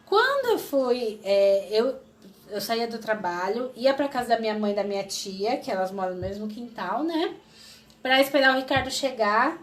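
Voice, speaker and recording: A Brazilian woman in her thirties telling an emotional personal testimony as an interview guest, lively and acting out what people said. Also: high-pitched. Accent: Brazilian Portuguese. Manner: lively, acts out quoted voices, laughs often.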